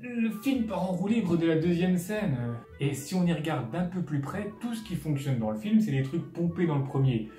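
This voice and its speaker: A man's voice: fairly high pitch, lively intonation, normal speed, hardly any pauses. A man narrating a scripted comedic film recap as host, sarcastic and full of casual asides, with music underneath. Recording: roomy echo, music underneath.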